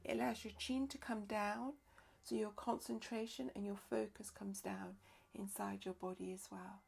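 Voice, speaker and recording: A woman leading a live-streamed yoga nidra session as teacher and therapist, speaking softly and slowly, often dropping into a whisper. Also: mid-range voice, level tone, creaky, husky. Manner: soft, slow, often whispered delivery. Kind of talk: live-streamed guided relaxation instruction.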